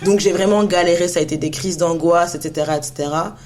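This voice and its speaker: A woman's voice: lowish voice, fairly even intonation, fast, a crowd in the background. A woman in her thirties, co-hosting a faith podcast in an earnest, encouraging, casual way, with frequent laughs and restarts. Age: 30s. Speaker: podcast co-host.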